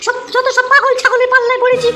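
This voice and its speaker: A woman's voice: very high-pitched, completely flat delivery, fast talker, sharp tone, slight background noise. A woman playing an indignant middle-aged mother-in-law in a comic audio drama, scolding and fed up. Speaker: mother-in-law visiting her daughter's home.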